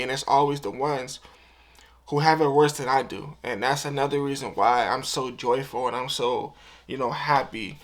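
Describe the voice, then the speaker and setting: A twenty-year-old YouTuber talks to camera in an emotional, heartfelt vlog, earnest and casual, full of slang, and often repeating himself. His voice is mid-range, with a little hiss or hum in the audio.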